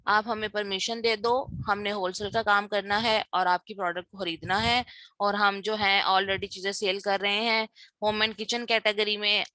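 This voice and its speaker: A woman instructor teaches an online class over a video call, mixing Hindi-Urdu with English and running role-play practice. She is patient and repeats herself, with a medium-pitched, bright, forceful voice in a dry recording.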